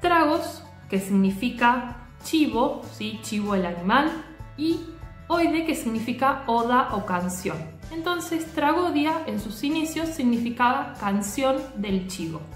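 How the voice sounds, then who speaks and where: A woman teacher explaining a lesson to her students, often pausing to check that they follow. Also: a little high, lively intonation, faint music behind. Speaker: literature teacher. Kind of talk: recorded class lecture. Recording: echoey room.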